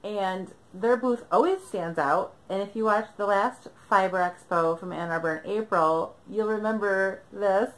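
A woman's voice: mid-range voice, unhurried, hardly any pauses, rough recording. Chatty young woman vlogging to camera. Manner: chatty, laughs often, many ums. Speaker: knitting vlogger. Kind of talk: casual chat to camera. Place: bedroom, indoors.

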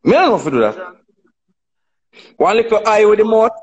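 A man with a Jamaican accent chatting on a phone livestream, telling animated stories, laughing and acting out dialogue. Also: sits high, brisk. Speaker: dancehall artist on a live stream. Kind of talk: casual chat on a livestream.

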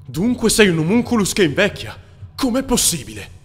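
A man's voice: high-pitched, sing-song, moderate pace, a little hiss or hum. A man voicing a cocky, greedy male homunculus in an anime fan dub, mocking and brash. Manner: mocking, brash, shouts when defiant.

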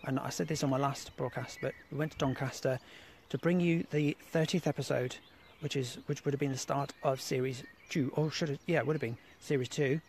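A man from England hosts a live exploring stream outdoors at an abandoned rail site, chatting casually in a rambling monologue with restarts and recurring fillers. His medium-pitched, darkish voice stays fairly even and fairly quick, with few pauses; the low-quality recording has slight background noise.

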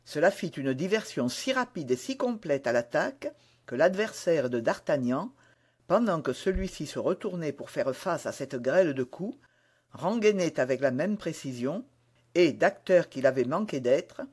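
A man reading a classic adventure novel aloud in a clear, measured storytelling voice. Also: fairly high pitch, animated, a little mellow. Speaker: reader. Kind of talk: audiobook narration of a classic novel.

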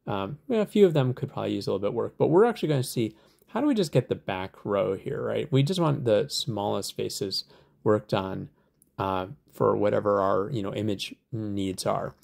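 A man hosting a software tutorial, explaining steps in a relaxed, conversational way with lots of fillers. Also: fairly low pitch, normal speed, gravelly. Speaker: tutorial host.

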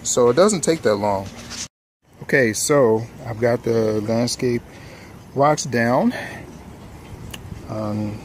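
Out in his front yard, a man who makes home improvement videos narrates his work casually into a handheld phone camera. His mid-range voice moves slowly with long pauses, and a slight hiss or hum sits under his easygoing, rambling talk, thick with fillers and false starts.

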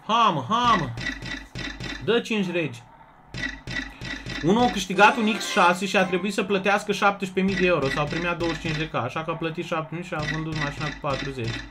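A young man from Romania streaming slots live, chatting casually and loudly greeting viewers one after another. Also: sits high. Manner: loud, excitable, greets chatters rapidly. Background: music.

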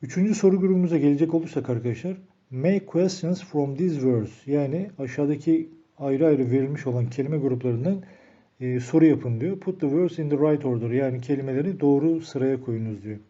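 Man, grammar teacher, very dark tone, reads example sentences slowly, dull lo-fi sound. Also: fairly high pitch. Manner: slows down to read English examples aloud. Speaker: English teacher. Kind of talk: grammar lesson. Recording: dull lo-fi recording.

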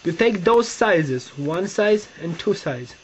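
Sitting on the bed in his room, a young Romanian-accented man, a native Romanian speaker, makes a folding tutorial, halting and searching for words as he goes. He sounds high-voiced and animated. His close webcam gives dull, lo-fi audio with a faint hiss.

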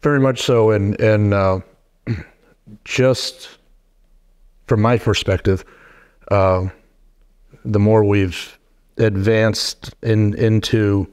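A man's voice: lowish voice, fairly even intonation, a little mellow, clear, resonant tone. Middle-aged guy hosting a podcast, lots of uh and restarts, desk mic in a wood-paneled studio. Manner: halting, many fillers and restarts. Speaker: podcast host. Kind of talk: casual podcast interview. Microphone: boom mic on desk stand.

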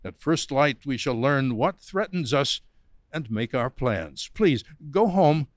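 An actor playing a stern, decisive king in a children's audio story, speaking in a commanding, measured way. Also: medium pitch, lively intonation, no echo, clean studio sound. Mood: reassuring. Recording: music under voice.

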